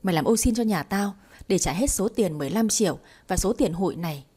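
A woman voicing a harsh, abusive older mother-in-law who scolds in a shrill, rapid-fire way, in an audiobook reading. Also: a little mellow, breathy edge, close to an everyday voice. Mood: scolding.

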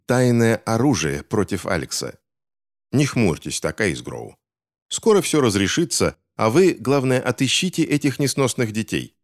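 A smug, scheming gentleman villain sneers his way through every line, contempt in each word. His voice sits a touch raised and lively, put on by a man reading a storybook aloud. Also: on the low side, dry recording, clean studio sound.

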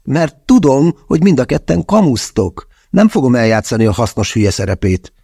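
In an audiobook, a man voices a hotheaded young skeptic who mocks and curses, his voice pushed up high and sharp with agitation. The sound is close and dry. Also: sing-song, vocal fry, husky, no room sound, full character voice. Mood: scornful. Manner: crude, mocking, agitated. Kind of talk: audiobook character voice.

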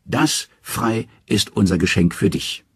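A man voicing a proud, grim male dwarf smith who speaks slowly and solemnly. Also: lowish voice, lively intonation, fairly bright tone, breathy edge, no echo, clean studio sound, heavily acted.

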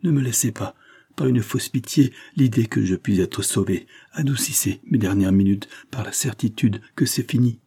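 A man reading the part of a dying woman who speaks faintly and gently, in an audiobook. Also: lowish voice, moderate pace, breathy edge, dry recording, clean studio sound. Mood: pleading. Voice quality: faint, fading. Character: dying wife, a woman, weak and resolved.

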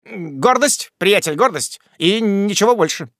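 A man's voice: high-pitched, expressive, measured pace, a bit bright, no room sound, clean studio sound, voice pushed up, heavily acted. A man voicing a sly, mocking male swindler who speaks in clipped, jeering bursts in a storybook reading.

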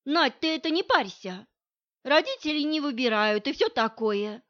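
A woman's voice: sits high, lively intonation, voice pushed up. Brash cheeky young woman, as a woman reader puts her on. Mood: teasing. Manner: loud, teasing, quick-tongued. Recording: dull lo-fi recording.

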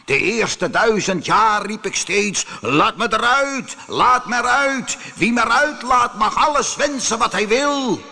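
A giant, vengeful genie bellows high and loud, his voice strained and gravelly as he roars threats, put on by a man reading a storybook. The shouting swings wildly up and down. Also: very animated, unhurried, full character voice. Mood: bitter, boastful. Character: huge vengeful male genie from a bottle.

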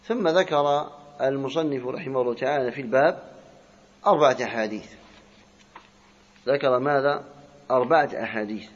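A male religious teacher gives a lesson at a mid-range pitch. He asks his listeners questions and then answers them himself, sounding words out to show how they should and should not be said. The recording is slightly muffled and lo-fi. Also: brisk, pauses often. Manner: demonstrates right and wrong pronunciation aloud. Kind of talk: classroom lecture on a text.

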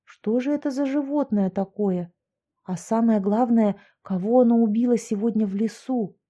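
A woman narrating a first-person story with steady, expressive delivery. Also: fairly high pitch, normal speed, dull audio. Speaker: audiobook narrator.

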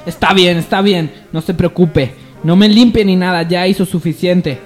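Radio soap heir: melodramatic, high-voiced young rich man, played by an actor, irritable and wounded, music underneath. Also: fairly even intonation, normal speed, lightly acted. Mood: irritated. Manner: emotional, melodramatic. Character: grieving, irritable wealthy young male heir. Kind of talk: amateur radio soap opera acting.

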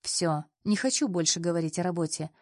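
A woman's voice: lowish voice, brisk, a little mellow, no echo, studio quality, lightly acted. A woman reading the lines of a confident young male boss who teases and gives orders. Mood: teasing. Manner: teasing, commanding.

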